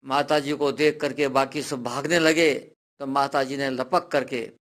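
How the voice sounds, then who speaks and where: A man telling a devotional folk tale. He narrates dramatically and builds up to loud, cried-out passages. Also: mid-range voice, fairly even intonation, unhurried. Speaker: storyteller.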